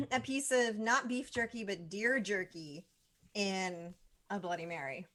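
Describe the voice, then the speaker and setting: A woman's voice: mid-range voice, measured pace, a bit bright. A woman on a live stream, chatting casually, giggly and full of questions. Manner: giggly, asks a lot of questions. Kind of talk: casual chat.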